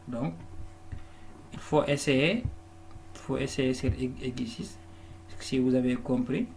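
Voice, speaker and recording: A man's voice: medium pitch, slow, a little mellow. Patient man teaching a lesson. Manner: patient, repeats and restarts words, checks with listeners. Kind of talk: classroom lesson walkthrough. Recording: faint background noise.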